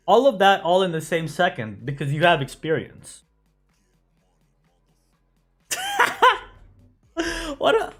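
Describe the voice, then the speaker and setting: A US-raised man, whose voice sits high, hangs out on a game live stream answering chat messages. He talks casually, full of fillers and tacking "right?" onto his sentences.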